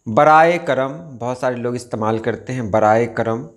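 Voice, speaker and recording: A man teaching correct Urdu pronunciation, repeating each word slowly and carefully. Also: mid-range voice, flat delivery, darkish tone. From India. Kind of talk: pronunciation lesson.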